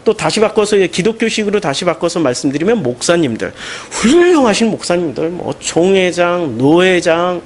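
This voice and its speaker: A man preaching a Sunday sermon as pastor, animated and emphatic, with questions put to the congregation. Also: high-pitched, moderate pace, hardly any pauses, slight background noise. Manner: animated, rising into emphatic questions and mocking quotes.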